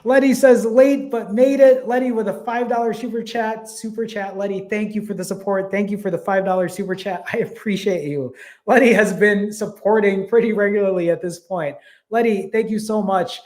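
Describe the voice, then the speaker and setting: A man's voice: high voice, fairly even intonation, fairly quick. A man, casually hosting a live stream, reading viewer comments and thanking people by name, a little out of breath. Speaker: fasting channel host.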